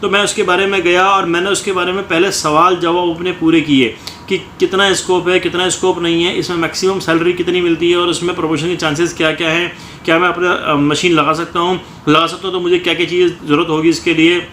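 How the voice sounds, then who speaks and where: A man's voice: high-pitched, little pitch movement, quick pace, a bit bright. A man who coaches students, giving a motivational talk in short, repeated phrases. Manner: talks in repeated short phrases, often ends with "ठीक है". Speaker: coaching teacher. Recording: echoey room, faint ambient noise.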